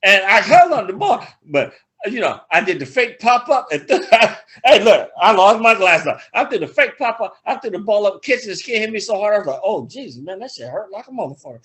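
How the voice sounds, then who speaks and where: Older man, podcast co-host, casual sports chat, bright voice, lively swinging pitch, laughs and swears. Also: moderate pace. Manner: animated, laughing storyteller, swears freely.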